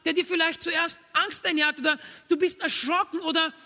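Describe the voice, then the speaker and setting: Male preacher, very high voice, earnest and urging, long hall reverb. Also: steady tone, normal speed, bright, forceful tone. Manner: earnest, urging, repeats key phrases. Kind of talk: sermon.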